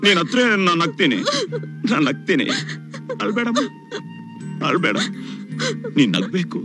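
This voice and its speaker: An actor playing a grown son who speaks to his mother, turning from tender to bitter and pleading, in film melodrama dialogue with music underneath. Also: high voice. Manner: emotional, swings from tender to bitter reproach.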